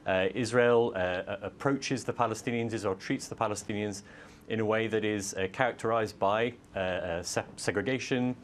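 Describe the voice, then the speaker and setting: A male author arguing his case as a debate guest, measured, with frequent hesitations. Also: on the low side, a little hiss or hum. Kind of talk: studio debate.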